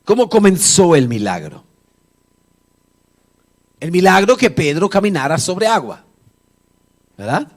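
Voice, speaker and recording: A man, a pastor, delivers a lively, storytelling sermon in a church. His voice sits a little higher than most men's. He acts out scenes and chats easily with the congregation. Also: unhurried, pauses often. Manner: animated storytelling, acting out Bible dialogue; conversational, jokes with the congregation. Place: church service before a congregation.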